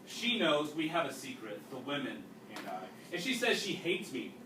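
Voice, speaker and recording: With a very animated, rather high voice, a male teacher reads a story aloud in class and pauses to explain and ask his pupils questions. The classroom recording is roomy and distant, with a little background noise.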